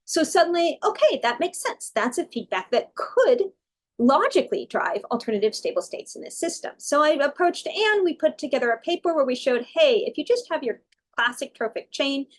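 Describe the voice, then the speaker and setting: A woman's voice: high-pitched, sing-song, moderate pace. A middle-aged woman giving an academic research talk, explaining step by step with fillers and self-corrections. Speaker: university researcher giving a lecture.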